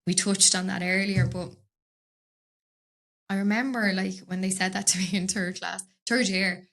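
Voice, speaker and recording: Guesting in a studio podcast interview, a business owner from Dublin rambles casually from story to story and laughs a lot, her Dublin accent clear. Her medium-pitched voice is fairly bright and has vocal fry, with a level tone and moderate pace.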